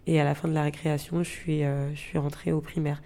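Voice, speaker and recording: A woman's voice: deep voice, level tone, fast, gravelly, mellow. A woman in her twenties from Gabon, telling her own story in an interview, reflective and hesitant, with frequent fillers and restarts. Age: 20s.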